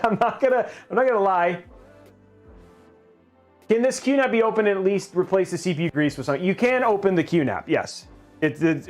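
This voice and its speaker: A middle-aged man hosting a live stream, chatting casually and rambling, often restarting his sentences as he reads viewer questions. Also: a little high. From grew up in Japan. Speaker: livestream host.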